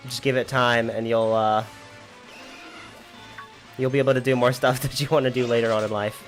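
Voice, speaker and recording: A young man in his twenties rambles through a casual gameplay stream, laughing often as he answers chat. His pitch sits in an ordinary middle range for a man, and soft game music plays faintly behind him. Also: steady tone, moderate pace. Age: 20s. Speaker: livestreamer.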